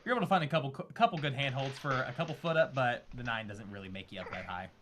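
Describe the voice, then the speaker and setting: A man's voice: mid-range voice, fast, a bit bright, slight background noise. A man narrating as game master in a casual, rambling way.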